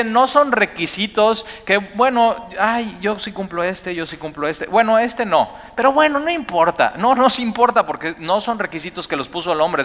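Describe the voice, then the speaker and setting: Pastor preaching, bright forceful voice kinda high, big echoey church hall. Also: male voice. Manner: animated, rising to emphatic bursts then dropping to quiet asides. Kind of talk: sermon. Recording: long hall reverb.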